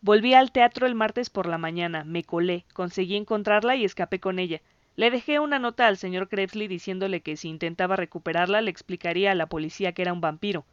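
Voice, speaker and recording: A woman's voice: medium pitch, fast talker, clear, resonant tone, no echo, dull audio, natural voice. A woman voicing a proud boy who boasts and defends himself. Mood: boastful. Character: proud boy, cocky but uneasy.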